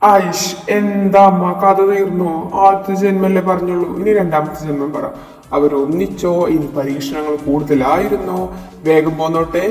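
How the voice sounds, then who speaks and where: A man's voice: high-pitched, a little mellow, natural voice. A man doing a cocky, brash young playboy. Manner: cocky, dismissive banter. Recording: echoey room with long reverb, from far off, music behind.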